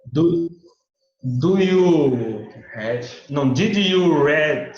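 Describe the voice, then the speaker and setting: A man's voice: a little high, animated, very slow, a little mellow, faint music behind. A Brazilian man, a student, answering hesitantly in an English class and correcting himself. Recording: echoey, dull classroom pickup from across the room.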